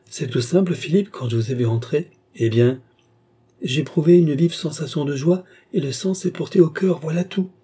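A man's voice: fairly high pitch, moderate pace, warm tone, slightly rough, voice pushed up. A man reading aloud, voicing a frail, nervous young noblewoman who talks in a breathless, protesting way.

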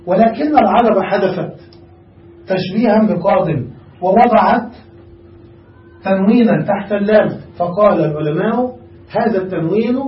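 A male grammar teacher giving a classical lesson, quizzing his students with frequent check questions. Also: high-pitched. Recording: echoey room, far from mic, dull.

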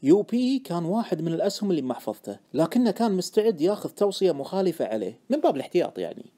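A man narrating an audiobook in the first person with expressive storytelling. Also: sits high, rapid-fire.

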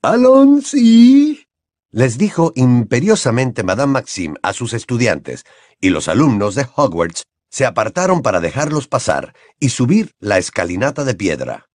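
A man narrating a fantasy novel aloud in an expressive, lively reading. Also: medium pitch, moderate pace, dry recording, clean studio sound. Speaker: audiobook reader. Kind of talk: storybook narration.

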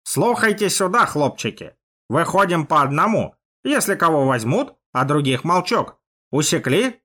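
A man doing a gruff old priest. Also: fairly high pitch, sing-song, unhurried, pushed and bright, voice pushed up, exaggerated voice. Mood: wily. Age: older. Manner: gruff, folksy, barks orders. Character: old bearded man, former balalaika player turned priest, commanding.

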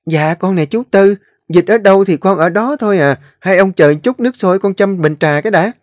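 A man's voice: high voice, fairly quick, no echo, clean studio sound, voice pushed up, natural voice. A man voicing a young woman who keeps ducks, earnest and pleading. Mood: polite. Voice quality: raised, pleading tone. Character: young countrywoman duck-keeper, earnest and pleading.

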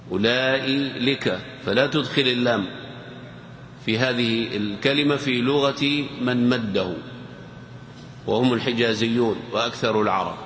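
A male teacher giving a formal grammar lecture at a measured pace and an ordinary pitch. Each point and example comes twice, as if for note-takers. His voice carries a long reverb through a large hall, over a faint background hiss. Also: a bit bright. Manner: slow, deliberate, repeats key words and examples. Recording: echoey hall with faint noise.

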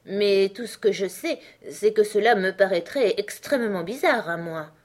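A woman's voice: medium pitch, moderate pace, pitched above the performer's own voice, lightly acted. A woman voicing a timid, polite young girl who talks hesitantly in an audiobook. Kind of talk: audiobook character reading.

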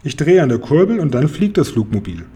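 A man's voice: fairly high pitch, big pitch swings, a little fast, dark tone, slightly rough, full character voice. A man voicing a cheerful, plucky little male dragon in an audiobook. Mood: matter-of-fact. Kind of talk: audiobook character voice.

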